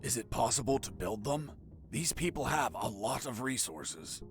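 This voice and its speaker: An actor playing a wry, deadpan escaped soldier in a video game, delivered like dramatic storytelling. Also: male voice, medium pitch, moderate pace, over music, lightly acted. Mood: tense. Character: wry, cool male action hero, escaped soldier prisoner. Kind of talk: video game dialogue and narration.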